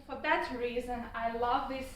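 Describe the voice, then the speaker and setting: A woman's voice: on the high side, steady tone, unhurried, a little hiss or hum. A woman speaking cheerfully at a speaking club meeting and laughing often as she gives an impromptu talk. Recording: echoey room, distant mic.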